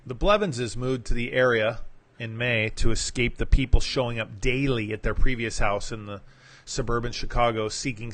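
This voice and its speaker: Podcast host, man, mid-pitched voice, reads an article aloud and drops in offhand asides. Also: fairly bright tone. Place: home setup, broadcasting live.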